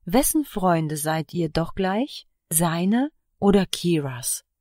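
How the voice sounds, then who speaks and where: Woman reading bossy sister, stern, protective, low voice, dry. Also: animated, takes it slowly, mellow, dry recording. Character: bossy, sly younger sister who always wins.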